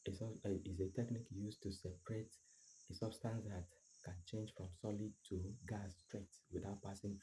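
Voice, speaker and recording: A man's voice: on the low side, mellow, slight background noise, low-quality recording. A man explaining a science lesson, repeating words and answering his own questions. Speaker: teacher.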